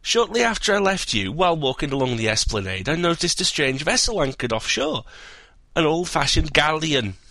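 A man voicing an excitable adult man who tells a wild tale in a breathless, rising voice. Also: on the high side, moderate pace, dry recording, voice pushed up, full character voice. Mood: excited.

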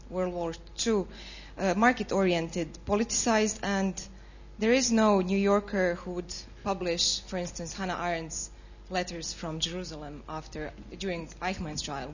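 A woman's voice: fairly low pitch, dull audio, a little hiss or hum. Earnest woman asking a question. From Croatia. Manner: earnest, detailed. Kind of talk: public debate floor question.

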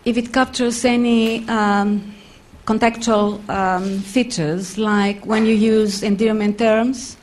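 A slow, hesitant woman asking a question. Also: mid-range voice, fairly even intonation, a little mellow, slight background noise. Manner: hesitant, many fillers. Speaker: audience member asking a question. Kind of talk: question from the floor.

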